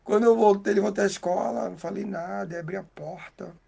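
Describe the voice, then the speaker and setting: A man with a Brazilian Portuguese accent giving a heartfelt, halting faith testimony as an interview guest. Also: high-pitched, creaky, darkish tone, husky.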